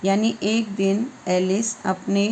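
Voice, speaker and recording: A woman gives a patient reading lesson, spelling each English word letter by letter before translating it. She talks at a very slow, deliberate pace in a mid-pitched voice. A faint hum of noise sits behind her. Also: level tone, mellow, poor audio. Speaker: English teacher.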